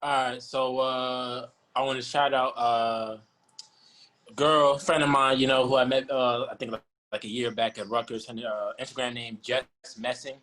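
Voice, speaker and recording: A young man in casual slangy chat, halting and repeating himself, often tacking on you know. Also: medium pitch, fairly even intonation, fairly bright tone, low-quality recording.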